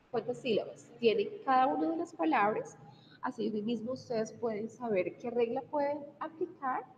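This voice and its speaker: A woman with a Colombian Spanish accent teaching an English grammar class, explaining step by step, switching between Spanish and English and slowing down to read example sentences. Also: on the high side, a little mellow. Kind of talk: bilingual video class lecture. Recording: distant mic in a reverberant room, dull sound, faint noise.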